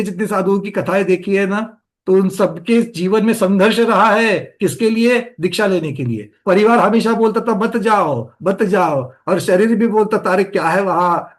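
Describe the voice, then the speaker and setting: Man, high pitch, teacher, scripture class, asks students questions, explains step by step. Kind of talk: interactive religious lesson.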